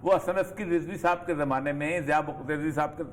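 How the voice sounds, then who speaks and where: A man from Pakistan giving emphatic, lecturing political commentary on a TV studio talk show. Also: a little high. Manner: emphatic, lecturing, rising forcefully on key points.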